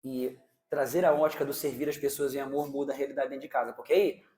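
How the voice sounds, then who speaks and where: A Brazilian man with a mid-range voice preaches an animated sermon, firing rhetorical questions at the congregation. In quick asides, he acts out parents and children.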